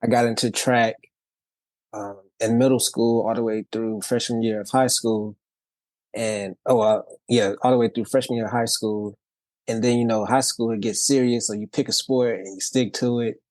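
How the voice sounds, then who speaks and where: A man's voice: mid-range voice, steady tone, normal speed, a little mellow, no echo. A man from Louisiana who grew up in Texas, telling his story as a podcast guest in an easygoing, upbeat way. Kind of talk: casual conversational storytelling.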